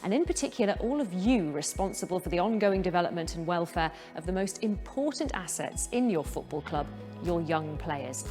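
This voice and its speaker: A woman's voice: on the low side, darkish tone, long reverb tail. Polished female TV presenter. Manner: polished, clearly enunciated, emphatic. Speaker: TV presenter, host. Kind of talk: scripted presenting.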